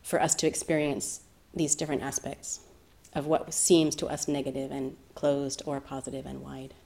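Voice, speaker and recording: A woman giving a reflective meditation talk, soft-spoken and thoughtful with gentle laughter. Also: very deep voice, flat delivery, normal speed, creaky. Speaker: meditation teacher.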